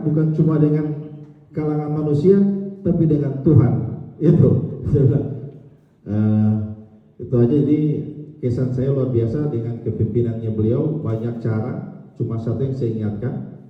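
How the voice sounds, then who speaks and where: Joking man in an echoey hall. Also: a little high. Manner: joking, laughs often, quotes dialogue. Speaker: speaker giving a farewell tribute. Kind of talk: casual speech. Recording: distant echoey hall recording, dull sound.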